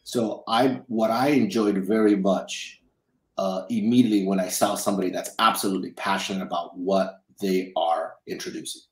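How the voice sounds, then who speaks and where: A middle-aged man from Romania speaks over a webcam from a home office, his voice sitting low. The room is echoey around him. He rambles and circles back on his words while he thinks. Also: steady tone, moderate pace. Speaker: guest, film financier. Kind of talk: casual interview. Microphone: video call webcam.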